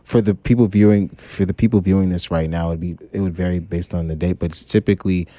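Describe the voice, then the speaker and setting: A man's voice: low voice, steady tone, fast talker, dark tone, no echo. A man speaking as a guest in an interview, explaining his program with frequent ums and restarts. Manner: hesitant, fills with um and right. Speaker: guest, trading educator. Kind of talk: casual interview chat.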